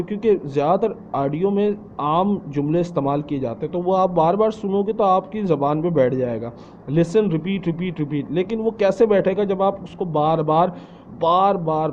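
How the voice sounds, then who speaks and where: Man, English teacher explaining in Urdu, slightly high voice, warm and mellow, dull lo-fi sound. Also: a little hiss or hum. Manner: repeats words and phrases for emphasis, mixes English phrases into Urdu.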